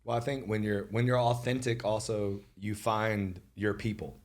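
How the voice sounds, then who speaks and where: Emphatic podcast host, lowish male voice. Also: level tone, normal speed. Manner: emphatic, repeats words for stress. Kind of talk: casual conversational podcast.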